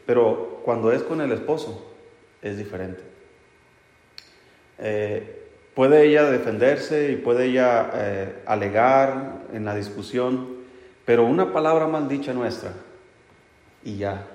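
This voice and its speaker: Preacher in an echoing hall. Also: male voice, medium pitch, slow, long pauses, darkish tone. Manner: plain, talks straight to the men, keeps asking "¿verdad?" and "¿sí?". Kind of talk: conversational sermon. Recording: echoey hall reverb.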